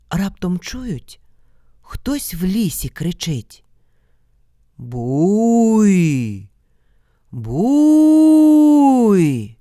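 A woman storyteller reads a folk tale aloud in a theatrical, expressive way. Her voice sits low, yet her pitch swings widely from line to line. The sound is close and dry. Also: no room sound. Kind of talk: scripted folk-tale narration.

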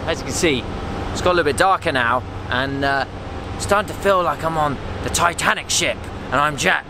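A man's voice: fairly high pitch, a little fast, background noise. A young man presenting a casual vlog to camera on location, talking in a chatty, jokey way. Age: young adult. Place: inside a ship and out on its deck.

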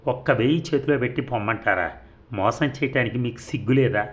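A man's voice: medium pitch, a little fast, fairly bright tone, muffled recording, close to an everyday voice. A man voicing a wronged young woman who pleads and threatens through tears. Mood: angry, tearful.

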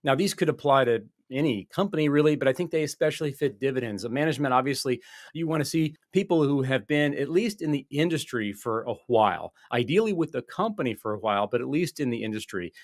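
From a small office with wall panels, a man in his forties appears as a video-call guest in a conversational interview, talking about investing with plenty of fillers and restarts. His mid-range voice is animated and quick. The desk microphone gives studio-quality audio with no echo.

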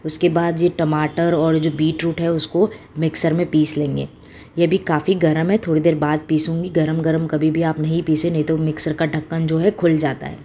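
In a small home kitchen, a cooking host in her thirties explains a recipe one step at a time in a casual, homely style with fillers. She has a deep, mellow voice and a flat delivery at normal speed. There's slight background noise.

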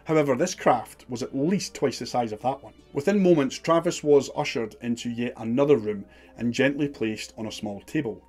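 A man's voice: medium pitch, moderate pace, few pauses, a little mellow, soft background music. A man giving scripted documentary narration in a dramatic, suspenseful storytelling manner.

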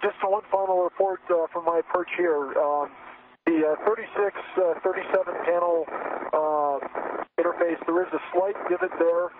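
A man, an astronaut on a spacewalk, heard over a space-to-ground radio transmission, reporting in a halting technical way with many fillers. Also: high-pitched, fairly even intonation. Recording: crackly narrow radio loop with hiss.

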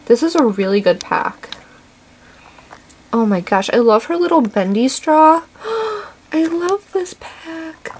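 A young woman hosting a casual toy unboxing, gushing and excitable, always saying how cute things are. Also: on the high side, a little slow, long pauses, slight background noise.

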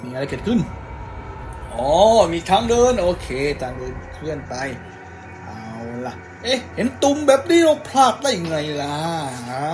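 A young man casually commentating a game he is playing, teasing the enemies in a playful way. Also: high voice. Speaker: gaming YouTuber. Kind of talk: casual let's-play commentary.

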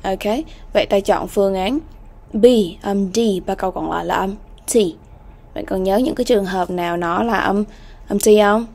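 A woman teaching an English exam-prep lesson, slowly repeating English words and often checking in with students. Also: mid-range voice, steady tone, vocal fry, darkish tone.

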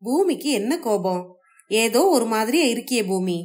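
A woman voicing a smooth-talking, scheming young husband in a read-aloud family story, in a coaxing, falsely gentle manner. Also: on the high side, expressive, a little slow.

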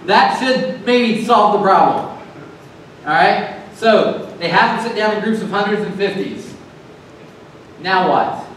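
A man preaching a sermon in a church, talking in a conversational, animated way and acting out little scenes. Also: sits high, takes it slowly, pauses often, slight background noise. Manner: conversational, animated, acts out voices with laughs. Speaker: pastor. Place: church sanctuary. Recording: very echoey church hall, mic at a distance.

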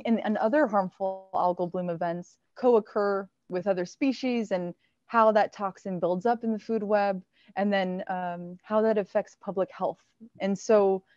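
A woman in her thirties, a marine researcher, answering questions on a video call, lively and full of fillers and laughs. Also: mid-range voice, no echo. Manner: animated, laughs often, many fillers. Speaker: marine researcher guest speaker. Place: small indoor lab room. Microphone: wired earbuds on a video call. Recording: dull, dry video call audio.

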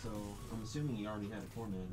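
Quiet laid-back man, off mic. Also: on the low side, rapid-fire, music in the background. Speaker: PC builder.

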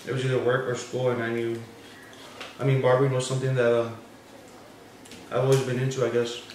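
A young man co-hosting a casual meal chat, laid-back and halting, often restarting his sentences. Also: medium pitch, monotone, a little mellow, recorded from a distance, slight background noise. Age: young adult. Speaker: co-host and barber. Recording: roomy echo from off-mic.

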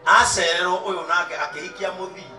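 A man in his thirties preaching in a large outdoor tent on a handheld mic. He tells stories and then shouts his sermon points. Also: sits high, fairly even intonation, fairly quick, distant mic. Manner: switches from storytelling to shouted preaching. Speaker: pastor. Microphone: handheld mic, pacing the stage. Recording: roomy tent sound, off mic, faint music and crowd.

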